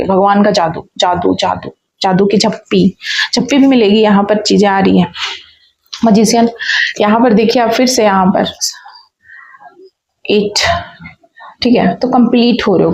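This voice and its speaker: A woman's voice: medium pitch, a little mellow. Emphatic woman tarot reader, muffled. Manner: emphatic and repetitive, often restarting phrases. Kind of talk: tarot reading spoken to viewers.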